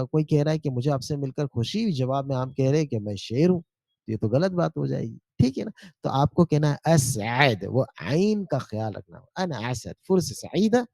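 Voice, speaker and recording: A male teacher giving a spoken language lesson, explaining patiently, repeating words slowly and often asking checking questions. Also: medium pitch, animated, vocal fry, darkish tone, no room sound. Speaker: Arabic teacher.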